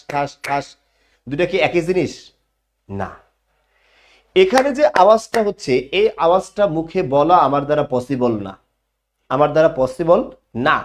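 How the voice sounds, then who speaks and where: A man teaching an online class, explaining grammar and answering his own questions. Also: a little high. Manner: explanatory, asks questions and answers them himself.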